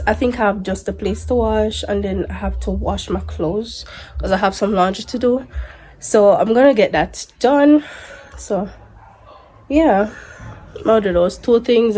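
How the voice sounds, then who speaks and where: A young woman vlogger with a cold sounds congested as she chats casually to the camera in a mellow, mid-range voice. She rambles, frequently stopping and starting over.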